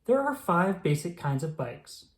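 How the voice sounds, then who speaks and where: A narrator with a mid-range voice reads a children's picture book aloud at a measured pace, with big pitch swings. The delivery is clearly enunciated and instructional, in a storytelling manner.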